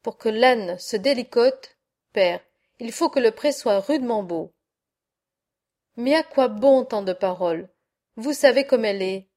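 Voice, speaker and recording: A lovesick young peasant man, poor and impassioned, pleading with his father, read by a woman. The voice is fairly high. It is a storybook figure read aloud. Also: lively intonation, a little slow, pauses often, darkish tone. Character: passionate young poor basket-weaver, lovesick.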